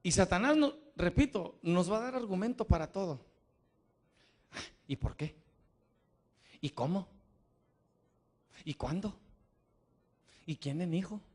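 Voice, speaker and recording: A middle-aged man preaching a sermon to a live congregation in a church, emphatic, repeating his questions and building up to shouts. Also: high-pitched, lively intonation, slow pace, pauses often.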